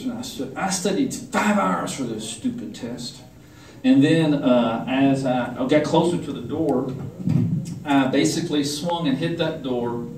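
A man's voice: medium pitch, far from the mic, a little hiss or hum. Man telling a testimony in an echoey hall. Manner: animated storytelling, acting out the quotes. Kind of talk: personal testimony sermon. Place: conference hall.

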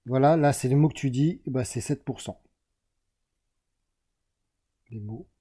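A man's voice: mid-range voice, fairly quick, warm tone, breathy edge. A French man explaining casually to the viewer as he draws a chart, rambling and correcting himself along the way. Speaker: self-help video host. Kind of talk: casual explanatory monologue while drawing a chart.

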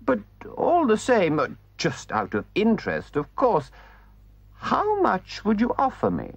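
A man voicing Toad, a boastful, excitable and greedy male toad who stammers when flustered and talks pompously. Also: high-pitched, a little slow, creaky, breathy edge, dry recording, pitched above the performer's own voice, full character voice. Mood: indignant.

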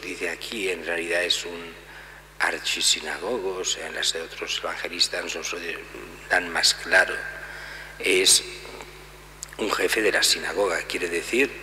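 A middle-aged male priest giving a homily at a lectern in a church, explaining the Gospel calmly with many asides. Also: low voice. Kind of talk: homily at daily Mass. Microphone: lectern gooseneck mic. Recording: church reverb, faint hum.

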